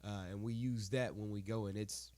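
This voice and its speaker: A man's voice: lowish voice, steady tone, normal speed, darkish tone, no room sound. Congested man with a worn voice. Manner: rambling, self-correcting, laughs often. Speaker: podcast co-host, worship leader. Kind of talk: casual chat.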